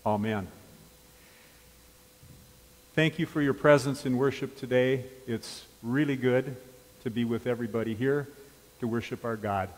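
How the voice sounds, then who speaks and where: Man leading prayers in a reverberant church. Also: medium pitch. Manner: calm, measured liturgical speech. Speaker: pastor. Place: large church sanctuary.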